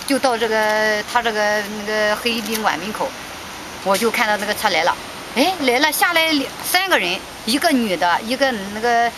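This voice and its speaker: Agitated woman with halting testimony. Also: a little high, background noise. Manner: halting, repeats herself, rises when agitated. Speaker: petitioner's sister recounting events. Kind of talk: emotional spoken testimony.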